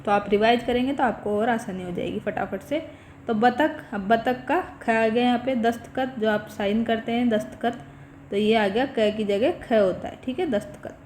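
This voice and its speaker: A woman's voice: a little high, normal speed, a little mellow, a little hiss or hum. A woman teaching an exam revision lesson, explaining each point step by step and often checking in with her students. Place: online class recording.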